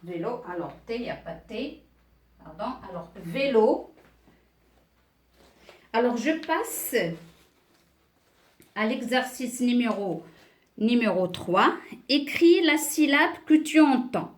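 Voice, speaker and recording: Slow, patient woman teaching letters. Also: a little high, animated. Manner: asks questions and checks understanding. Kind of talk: beginner French lesson at a board.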